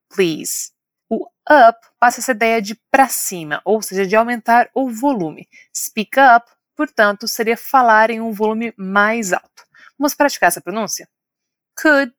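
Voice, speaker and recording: A Brazilian woman with a fairly high, bright voice leads a scripted English lesson. She sounds encouraging and says the model phrases slowly, one word at a time. The sound is dry and close, with no room around it. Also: no echo. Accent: Brazilian Portuguese. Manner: slow, carefully spaced English model phrases. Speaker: English teacher.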